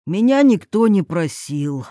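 A woman reading a novel aloud, voicing a frightened man lost in a forest who urgently hushes his companion. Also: on the low side, big pitch swings, unhurried, dry recording, studio quality. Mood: sheepish. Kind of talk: audiobook character reading.

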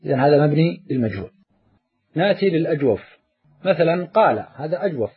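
A man teaching a morphology lesson, explaining step by step and slowly drawing out each example word. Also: a little high, expressive, breathy edge, phone-quality sound.

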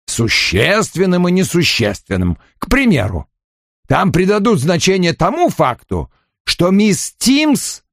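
A man's voice: on the high side, vocal fry, dry recording, pitched above the performer's own voice, full character voice. A man voicing a stern, imperious detective. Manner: dry, measured, commanding.

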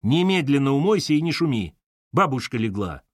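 An older mother, stern and commanding, lecturing firmly, as a male narrator puts her on. The pitch moves with animated inflection, recorded dry and close. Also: moderate pace, no room sound. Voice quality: stern, authoritative.

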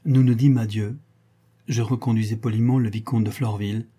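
A man reads a classic novel aloud in a measured, literary way. His voice is dark and mellow with a husky grain. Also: lowish voice, steady tone. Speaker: audiobook reader.

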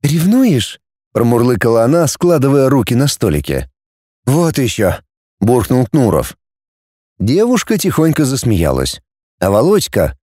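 Mellow, expressive male audiobook narrator. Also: medium pitch, no room sound, studio quality. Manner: expressive, lively storytelling. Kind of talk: scripted narration.

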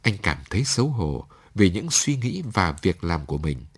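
A man narrating a story in an expressive, dramatic reading style. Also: sits low, moderate pace, husky.

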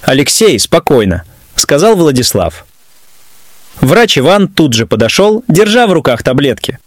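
Brief: expressive male narrator for a dramatic audio story, lively and a little high. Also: normal speed, no room sound, clean studio sound.

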